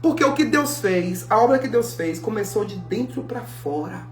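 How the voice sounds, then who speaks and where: Female preacher, lively sermon delivery, roomy echo with soft music behind. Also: medium pitch, normal speed. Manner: animated storytelling, acting out biblical dialogue. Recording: echoey room with faint music.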